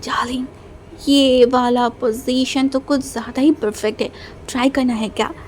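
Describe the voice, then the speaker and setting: A woman's voice: sits high, steady tone, normal speed, natural voice. A woman voicing a male gangster villain, a teasing, possessive husband, in a storybook reading. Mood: suggestive.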